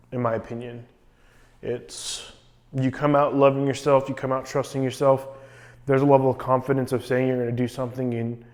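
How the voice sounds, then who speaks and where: A man's voice: medium pitch, darkish tone. A man recording a casual personal vlog, talking in an earnest, reflective way. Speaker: vlogger documenting a cold plunge challenge.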